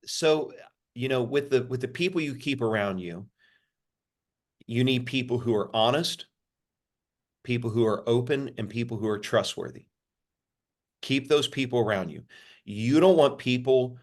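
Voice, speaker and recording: A pastor, a man, answering interview questions in a sermon-like way, repeating phrases and lifting his pitch for emphasis. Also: measured pace, pauses often. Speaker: pastor, podcast guest.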